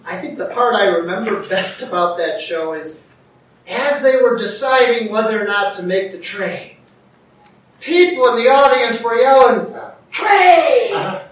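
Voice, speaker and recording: A middle-aged man preaching a sermon as pastor, telling stories animatedly and shouting out quoted lines. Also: high voice, expressive, moderate pace. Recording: roomy echo, distant mic, faint ambience.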